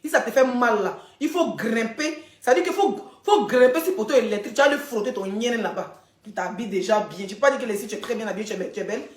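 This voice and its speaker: A woman, hosting a casual live stream and telling gossip straight to her viewers in a chatty, animated way. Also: a little high, fast talker, echoey room. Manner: chatty, animated storytelling, addressing viewers directly.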